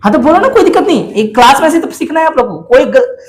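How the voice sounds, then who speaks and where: A man's voice: very high voice, big pitch swings, quick pace. A male math teacher lecturing a class, coaxing his students with frequent questions.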